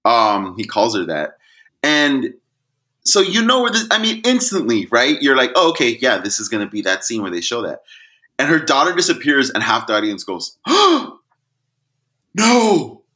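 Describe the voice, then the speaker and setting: Excitable podcast guy mimicking audiences. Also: moderate pace. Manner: animated, mimics crowds in loud high-pitched bursts. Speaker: podcast co-host. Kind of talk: casual chat.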